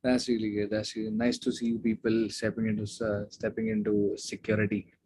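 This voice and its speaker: A man's voice: on the low side, completely flat delivery, a little fast, mellow, slightly rough, dry recording. A man, speaking casually as a guest speaker in a live online session and answering questions from the chat. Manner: casual, chatty, off-the-cuff advice.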